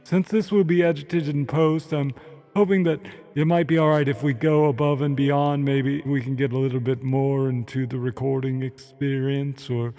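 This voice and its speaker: A man hosts a deadpan comedy podcast interview in a pompous, stiffly formal way. His voice is mellow and dark, at a middle pitch. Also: normal speed, faint music behind.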